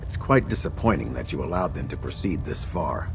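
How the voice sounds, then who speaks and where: A coolly ruthless military captain from a video game, with a deep voice. He briefs formally and with grave authority, over a faint hum. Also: very animated, a little fast, gravelly, full character voice. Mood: grave, resolute. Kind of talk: scripted video game dialogue.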